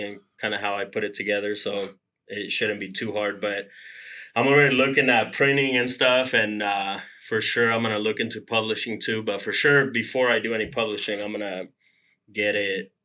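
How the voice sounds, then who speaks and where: A man in his thirties co-hosting a podcast, with a bright, forward voice set a little low in pitch. He chats in an easygoing, upbeat way and often drifts into softer, quieter asides. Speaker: podcast co-host. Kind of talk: casual chat.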